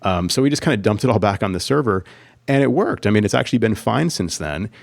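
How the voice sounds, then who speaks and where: A man's voice: fairly low pitch, expressive, fast talker, vocal fry, no echo. A man co-hosting a podcast, telling a long work story in casual chat, full of fillers and restarts. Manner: rambling, many fillers and restarts. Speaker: podcast co-host, Apple consultant.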